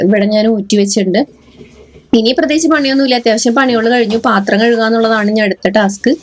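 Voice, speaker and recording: A woman chatting casually through her day-in-my-life vlog, explaining as she cooks and walks. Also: fairly high pitch. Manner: chatty, explains as she works, frequent "ttō" tag. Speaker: vlogger. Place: home kitchen, then outdoors on a dark lane.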